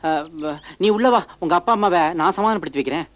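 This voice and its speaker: An actor playing a naive village son-in-law in a TV comedy, fretful and easily scared. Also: male voice, sits high, animated, a bit bright. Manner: fretful and gullible, quick yelps. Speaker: comic lead actor. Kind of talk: TV comedy sketch acting.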